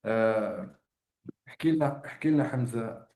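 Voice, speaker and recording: A man's voice: mid-range voice, moderate pace, warm tone. A man with a Levantine Arabic accent in earnest conversation, repeating phrases for emphasis. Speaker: activist leading the conversation. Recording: roomy, echoing sound.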